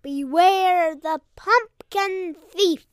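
A man putting on a squeaky high announcer voice. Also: dry recording, studio quality, exaggerated voice. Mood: spooky playful. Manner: drawn-out, sing-song delivery.

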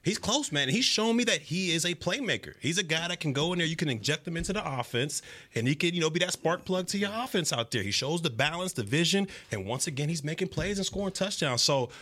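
Male sports panelist, conversational analysis, forceful bright tone, quick delivery. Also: a little high, expressive. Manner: colloquial, conversational. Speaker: sports talk show co-host. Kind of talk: casual sports analysis chat. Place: podcast studio.

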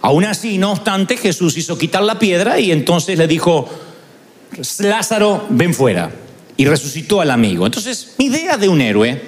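A male preacher delivers a sermon, weaving in stories with humorous asides. His voice sits high and swings widely in pitch. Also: big pitch swings, fairly quick, few pauses.

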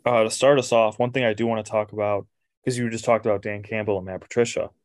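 A young man co-hosting a casual podcast, telling stories in a relaxed, easygoing way. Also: on the low side, fast, no room sound, clean studio sound. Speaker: podcast co-host.

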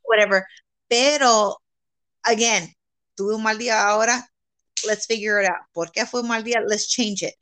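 A woman's voice: mid-range voice, moderate pace, pauses often, a bit bright, no room sound. Earnest woman guest, code-switching freely. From California. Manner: switches between English and Spanish, earnest, laughs often. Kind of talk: casual bilingual interview chat.

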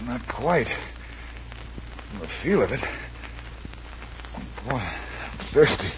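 An actor playing a brave, wry, defiant jungle adventurer in a 1940s radio serial. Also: male voice, mid-range voice, sing-song, slow pace. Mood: groggy. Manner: defiant, dryly sardonic. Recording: noisy old radio broadcast.

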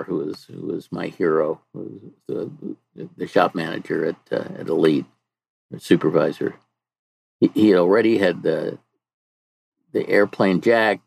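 Very deep, gravelly-voiced man. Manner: halting, frequent restarts, chuckling. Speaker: podcast co-host. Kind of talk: casual chat.

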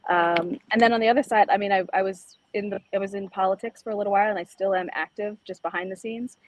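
A woman's voice: medium pitch, steady tone, quick pace, slight background noise, rough recording. A middle-aged woman from El Salvador, an insurance agent, chatting as a radio guest with many ums and restarts. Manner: conversational with frequent fillers and restarts. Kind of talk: casual radio interview. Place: high school.

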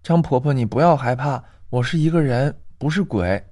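A man voicing a frightened village schoolgirl, pitching his voice up and pleading in a high whine. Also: lively intonation, normal speed, darkish tone, lightly acted.

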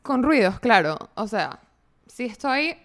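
A woman with a high, light voice co-hosts a casual podcast chat. She tells animated stories and slips into quick impressions of other people. Her laughter comes easily between lines. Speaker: podcast co-host.

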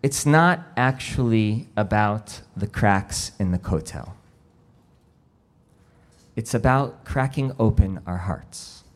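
A man in his thirties giving a sermon as a rabbi, telling a personal story in a slow, reflective way that drops quiet at emotional moments. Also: on the low side, lively intonation.

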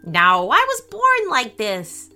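A woman voicing a cheeky, friendly young boy shark who talks loudly with a drawl. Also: a little high, wildly swooping pitch, slow, faint music behind, voice pushed up, full character voice. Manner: loud, drawling, joking.

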